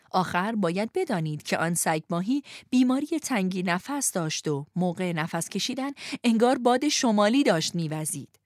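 Woman, storybook narration, gentle and expressive, dry close voice. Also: mid-range voice, dry recording. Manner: gentle, expressive, speaks to young listeners. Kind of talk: storybook reading.

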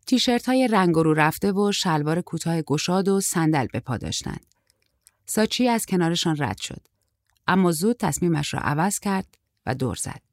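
A woman narrating an audiobook in a steady, measured reading. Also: fairly low pitch, no room sound, clean studio sound.

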